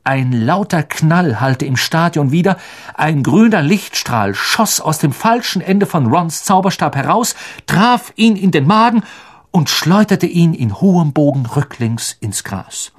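A man narrating an audiobook in a lively, expressive storytelling manner. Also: fairly high pitch, a little slow. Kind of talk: scripted narration.

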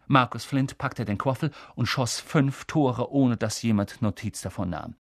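A man's voice: mid-range voice, measured pace, dry recording, clean studio sound. A man narrating an audiobook in a dramatic, tension-building reading. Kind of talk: scripted narration.

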